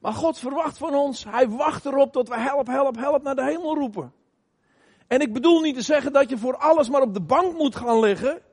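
Middle-aged guy preaching, really high voice, emphatic, long echoey church reverb. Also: a little fast. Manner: emphatic, questions the congregation, sometimes shouts. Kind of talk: sermon. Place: church hall.

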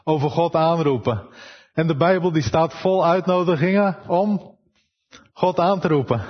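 A Dutch man preaching a sermon, soft-spoken and unhurried, pausing and searching for words as he goes. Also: on the high side, in a large hall, highs cut off. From Netherlands.

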